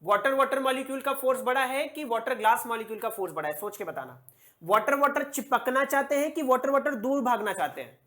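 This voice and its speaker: A male physics teacher giving a classroom lecture, posing questions and answering them himself, repeating key words slowly. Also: extremely high pitch, animated, fairly bright tone.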